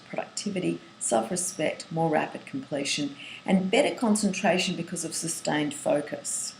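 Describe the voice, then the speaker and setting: A middle-aged woman coaching writers through an online lesson. She speaks earnestly in a low voice, lists her points one by one and often restarts phrases. The recording sounds roomy, with a faint hiss. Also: vocal fry. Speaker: writing coach. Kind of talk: webinar lesson.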